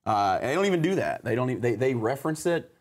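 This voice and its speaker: A man speaks in casual, rambling radio chat. His voice sits at a middle pitch. He circles around his points with fillers and restarts. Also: very animated, quick pace. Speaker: guest attorney.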